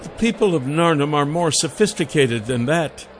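A man's voice: a little high, expressive, moderate pace, slight background noise, pitched above the performer's own voice, lightly acted. A man voicing a poised, teasing young noblewoman ruler who speaks in a lofty, coaxing way.

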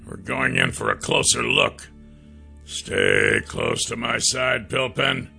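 A man voicing a steady male adventurer who gives quiet, calm orders. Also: takes it slowly, creaky, slightly rough, soft background music, full character voice. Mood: cautious. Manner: calm, low-key commands.

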